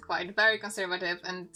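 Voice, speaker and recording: Bright-voiced young Polish woman, halting. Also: fairly low pitch, flat delivery, faint music behind. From Poland. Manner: halting, restarts phrases, searches for words. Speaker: guest. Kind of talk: casual podcast chat.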